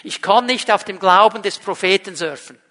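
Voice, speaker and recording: A man preaches with a high, bright, ringing voice, dropping from loud emphatic lines to a hushed near-whisper. His words carry a long reverb from a church hall. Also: moderate pace. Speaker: pastor. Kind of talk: sermon.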